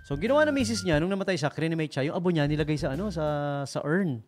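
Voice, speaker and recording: A man's voice: a little high, expressive, fast talker. A man hosting a radio show, telling jokes in a playful, teasing way and chatting with listeners. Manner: playful, teasing joke-teller who chats with listeners. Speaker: radio DJ host. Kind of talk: joking storytelling on late-night radio. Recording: radio broadcast with a music bed.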